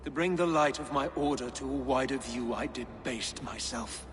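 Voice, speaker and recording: An actor playing a bitter, proud fallen medieval cleric in a video game. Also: male voice, medium pitch, normal speed, slight background noise, close to an everyday voice. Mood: bitter, resigned. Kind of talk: dramatic video game acting. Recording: long hall reverb, music behind.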